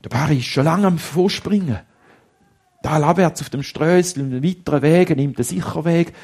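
Talking a little fast and sitting on the high side, a man with a husky voice and Swiss German accent spins an animated tale for kids, going quiet and hushed to build suspense.

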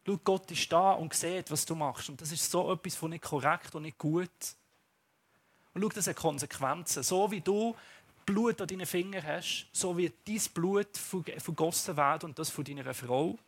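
A man with a Swiss German accent voicing a stern prophet who gravely warns of consequences. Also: fairly high pitch, moderate pace. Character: stern prophet warning a king.

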